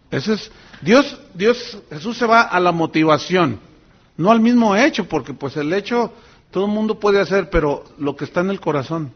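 A man preaching a sermon as pastor, telling stories with lively acted quotes. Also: high-pitched, dull audio.

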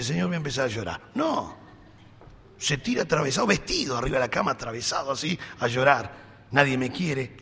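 A man's voice: mid-range voice, vocal fry, a bit bright, slightly rough. A man preaching a sermon in a church hall, acting out dialogue with playful humor. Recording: long hall reverb.

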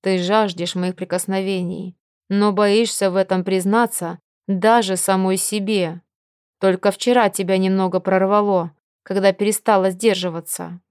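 A woman's voice: mid-range voice, fairly even intonation, darkish tone, clear, resonant tone, no room sound, studio quality, natural voice. A woman voicing a smug, teasing dragon knight. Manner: unhurried, self-assured teasing. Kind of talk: audiobook character voice.

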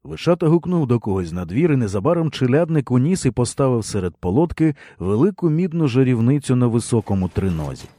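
Man narrating with dark, lively delivery. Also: medium pitch, quick pace, hardly any pauses, no echo, studio quality. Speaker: audiobook narrator. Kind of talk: scripted narration of a historical novel.

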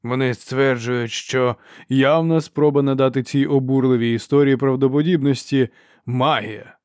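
A man's voice: mid-range voice, steady tone, moderate pace, a little mellow, no room sound, clean studio sound, natural voice. A man voicing a crippled male inquisitor with a wry, sardonic manner.

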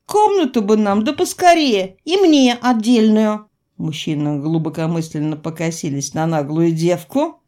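Expressive woman narrating an audiobook. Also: mid-range voice. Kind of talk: first-person audiobook narration.

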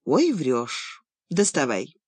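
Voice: mid-range voice, huge pitch swings, slow, slightly rough, no echo, heavily acted. Stern old grandmother, curt scolding, sceptical, read by a narrator, audiobook character, dry close sound. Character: strict, sceptical elderly grandmother.

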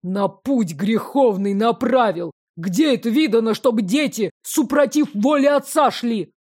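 A woman's voice: fairly high pitch, a little mellow, slightly rough. Woman playing a bellowing furious peasant father. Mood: aggrieved. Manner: bellowing, slow and indignant. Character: burly angry middle-aged peasant father.

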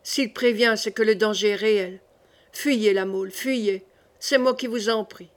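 A woman's voice: mid-range voice, fairly even intonation, a little slow, natural voice. A woman reading an anxious, proud young queen. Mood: urgent. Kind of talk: audiobook reading.

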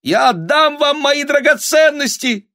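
A man voicing a timid, trembling noblewoman in an audiobook, with a thin, squeaky voice. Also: animated, a little slow, bright, forceful tone, no echo, clean studio sound, full character voice. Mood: pleading. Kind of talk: audiobook character voice.

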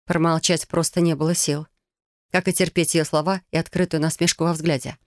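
A woman narrating a first-person story as an audiobook, in a measured, even storytelling manner. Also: sits low, dry recording, clean studio sound.

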